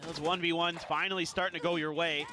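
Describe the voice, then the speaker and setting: A man with a raised, fairly high voice gives esports analysis. He talks in a conversational, explanatory way, as if to the viewer. Gunshots and other game noise are clearly heard behind him. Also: little pitch movement, fast. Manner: conversational, explanatory, addresses the listener. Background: video game gunfire.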